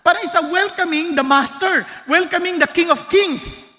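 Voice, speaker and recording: A man's voice: very high-pitched, normal speed, sharp tone. A man with a Filipino accent preaching a sermon, mixing Tagalog and English and joking with his congregation. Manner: switches between Tagalog and English, laughs and jokes with the congregation. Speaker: pastor. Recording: long hall reverb.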